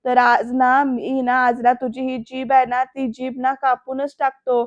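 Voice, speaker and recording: Woman doing a bullying angry dad, loud drawn-out threats, high pitch, dull lo-fi sound. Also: little pitch movement, no room sound. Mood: furious. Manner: shouting, menacing, slow and drawn-out threats. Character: harsh, bullying middle-aged father shouting threats. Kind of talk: acted quotes in a TV episode recap.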